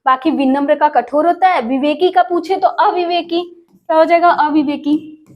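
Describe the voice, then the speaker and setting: A woman's voice: high-pitched, steady tone, normal speed. A woman teaching an exam prep lesson, asking questions and repeating each answer for viewers. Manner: addresses viewers as friends, asks and repeats answers.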